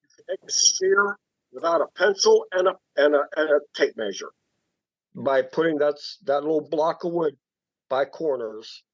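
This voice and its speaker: A man speaking over a conference call from his cell phone, halting and repeating words as he explains a woodturning project. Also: a little high, expressive, no echo. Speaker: woodturning club member showing his work. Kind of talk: casual chat on a group call. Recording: dull dry phone-call audio.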